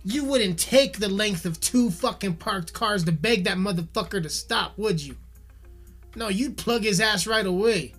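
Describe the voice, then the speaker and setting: A man's voice: high voice, normal speed, few pauses, a bit bright. A man giving a heated, profanity-filled video rant, swearing constantly and repeating himself, with faint music behind him. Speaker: musician ranting on camera.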